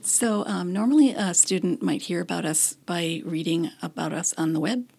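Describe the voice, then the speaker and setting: Gravelly-voiced woman program coordinator. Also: on the low side, normal speed. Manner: relaxed, with frequent fillers. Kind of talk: interview answers.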